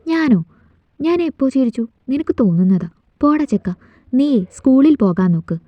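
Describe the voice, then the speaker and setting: A woman's voice: sits high, very animated, moderate pace, dry recording, voice pushed up. A woman voicing a tender, shy young village woman who brushes off teasing in a storybook reading, on a dull, dry recording.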